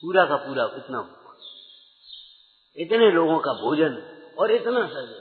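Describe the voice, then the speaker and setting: A man delivers a sermon in a somewhat high voice, exhorting his listeners and firing rhetorical questions at them. The recording is muffled and dull, with a long hall echo trailing each phrase. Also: sing-song, slow. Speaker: Jain preacher.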